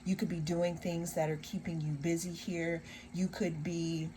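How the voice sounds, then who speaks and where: A woman giving a tarot card reading to viewers, speaking slowly and emphatically, drawing out phrases and repeating refrains, with sarcastic asides. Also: fairly low pitch, flat delivery, dark tone, a little hiss or hum, poor audio. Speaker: tarot reader.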